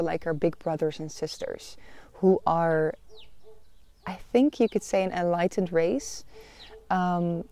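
A woman speaks in a low, mellow voice with a gravelly edge. She tells her own story in an earnest, confiding way, often restarting sentences and reaching for "you know." The sound is close and dry. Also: dry recording. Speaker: vlogger. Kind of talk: personal storytelling.

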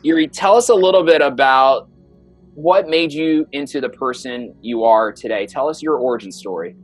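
A man's voice: medium pitch, normal speed, breathy edge, faint music behind, poor audio. A man hosting a health podcast, enthusiastically introducing his guest and stumbling over some words. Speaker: podcast host.

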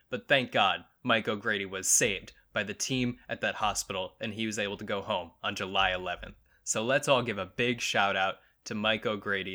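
A man's voice: on the low side, bright, forceful tone. A man hosting a podcast alone, rambling crudely through odd news stories with mock outrage. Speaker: podcast host. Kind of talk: solo comedic podcast monologue.

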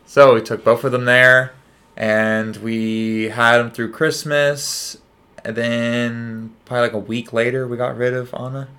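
A man's voice: medium pitch, flat delivery, measured pace, pushed and bright. A young man chatting casually as co-host, laid-back and plain-spoken. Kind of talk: casual chat.

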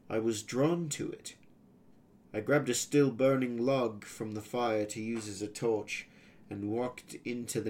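A man reading a first-person fantasy adventure story aloud as its narrator, in a steady storytelling voice. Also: mid-range voice.

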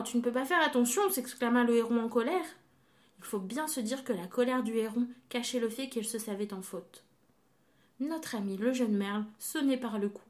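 Female storyteller, gentle, fairly high voice, child audience.

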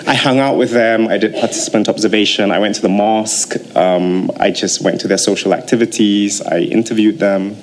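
A man's voice: fairly low pitch, brisk, few pauses. A man from Malaysia, a researcher telling stories in a public talk and acting out the voices of people he quotes. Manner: lively storyteller, acts out quoted voices.

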